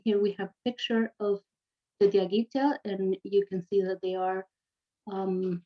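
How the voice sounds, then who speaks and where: Chatty woman teacher in her forties, native Spanish speaker from Argentina, slightly muffled lo-fi recording. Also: medium pitch. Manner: chatty, loose, many fillers and asides. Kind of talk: casual recorded class presentation.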